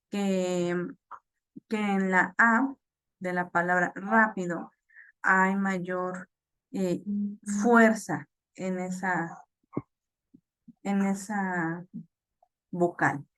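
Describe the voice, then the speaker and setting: A woman teaching an online class, explaining slowly with fillers and repeats and checking in with "ok?". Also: medium pitch, smooth, dry recording. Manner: slow, halting explanation with many fillers and repeats; checks understanding with "ok?".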